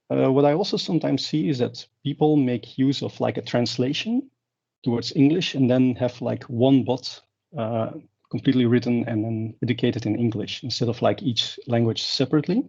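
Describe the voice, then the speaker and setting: In a creaky, slightly mellow mid-range voice, a Belgian man gives a conference talk. Dutch is his native tongue, and his delivery drifts, with frequent fillers and restarts. The audio is dull and lo-fi.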